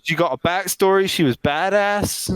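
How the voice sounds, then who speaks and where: A man co-hosting a casual film review podcast, animated and opinionated, often laughing. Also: high voice, moderate pace, clean tone, no echo, poor audio. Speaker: podcast co-host.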